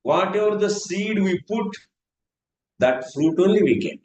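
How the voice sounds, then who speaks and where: A man's voice: high voice, expressive, a little mellow. Earnest man teaching scripture. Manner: earnest, repetitive, swings between slow and fast. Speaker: spiritual teacher. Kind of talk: scripture class. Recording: echoey room with faint noise.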